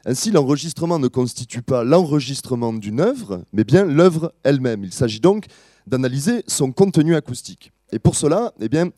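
A French-speaking man giving an academic talk as a musicologist, explaining in a measured way with frequent hesitations. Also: mid-range voice, dark tone, no echo, clean studio sound. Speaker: musicologist lecturer. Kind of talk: academic presentation.

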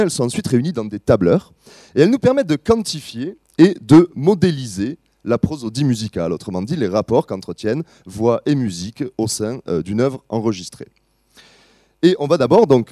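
A French-speaking man giving an academic talk as a musicologist, explaining in a measured way with frequent hesitations. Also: medium pitch, mellow, no echo, studio quality. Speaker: musicologist lecturer. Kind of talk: academic presentation.

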